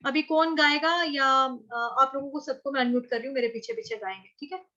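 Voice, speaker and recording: A woman teaching Sanskrit verse recitation in an online class, breaking words into syllables and repeating them slowly. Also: high-pitched, bright, forceful tone, lo-fi sound. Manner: slow syllable-by-syllable chanting with repeated drills. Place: online class over video call.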